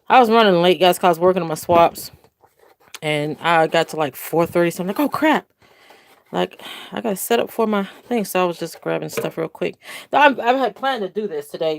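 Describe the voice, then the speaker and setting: Rambling low-voiced older woman crafting. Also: a little fast, vocal fry, a little hiss or hum. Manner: rambling, chatty, self-correcting. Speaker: craft livestream host. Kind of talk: casual crafting demo livestream. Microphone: phone camera.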